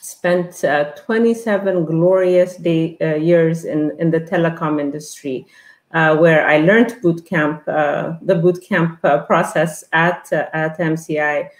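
A woman's voice: sits low, steady tone, a little slow, reverberant. A middle-aged woman from Ethiopia, a guest on an online interview, talking with many fillers and restarts over an earbud headset. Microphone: earbud headset on a video call.

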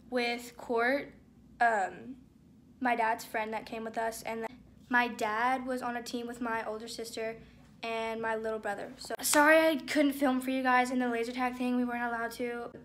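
A woman's voice: a little high, steady tone, normal speed, slight background noise. A young woman chatting casually in a vlog from a birthday outing, rambling with lots of fillers into a handheld phone. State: out of breath. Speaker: vlogger. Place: arcade and bowling alley, then home. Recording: loud music behind.

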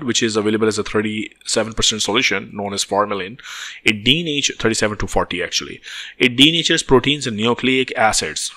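A man's voice: medium pitch, bright, forceful tone. A man with a Pakistani accent and native Urdu lectures on medicine, reading textbook material aloud and explaining it as he switches between English and Urdu.

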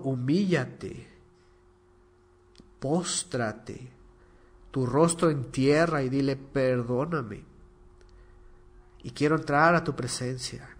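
A man preaching a sermon, emphatic and fond of mocking impressions of shouting preachers. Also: medium pitch.

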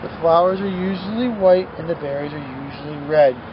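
A man talking about plants in a relaxed, casual way with a few fillers. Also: fairly high pitch, a little fast, lo-fi sound, noisy background. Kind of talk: casual informative talk.

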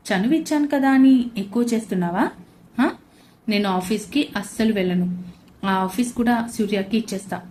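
A woman's voice: medium pitch, mellow, a little hiss or hum, lightly acted. A woman voicing an arrogant young husband who talks curtly and with sarcasm, in a storybook reading. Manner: curt and sarcastic.

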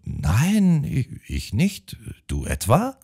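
A man's voice: mid-range voice, wildly swooping pitch, very slow, vocal fry, dark tone, husky, voice pushed up, heavily acted. A man voicing an earnest elderly spinster sister in an audiobook. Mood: shocked. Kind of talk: audiobook character voice.

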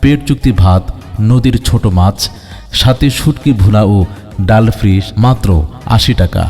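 A man making a promotional announcement over a loudspeaker, declaiming a list of dishes and prices. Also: mid-range voice, moderate pace. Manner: declaiming, lists items and prices. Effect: through a loudspeaker. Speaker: advertising announcer. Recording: long reverb with background music.

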